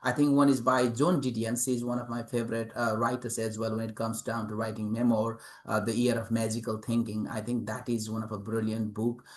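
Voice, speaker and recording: A man with a lowish voice, flat delivery and a fairly quick pace, pausing hardly at all. He has a Nepali accent and sounds hesitant, full of fillers and repeated words, as an author and professor answering interview questions.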